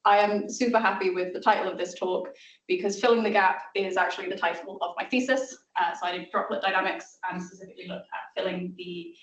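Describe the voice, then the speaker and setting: Woman, late 20s, relaxed self-mocking seminar speaker, mid pitch, roomy hall, picked up from afar. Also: fast talker. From South Wales. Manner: chatty and self-deprecating, with filler ums. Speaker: invited seminar speaker, mathematics lecturer. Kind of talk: informal academic talk. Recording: roomy lecture room, mic at a distance.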